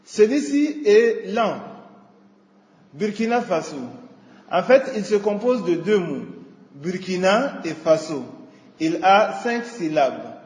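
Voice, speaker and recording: A man with a high voice leads a scripted radio lesson, taking each word slowly and with care. His voice rings through an echoey hall with a long reverb tail. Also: expressive, darkish tone. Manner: slow, deliberate teaching delivery.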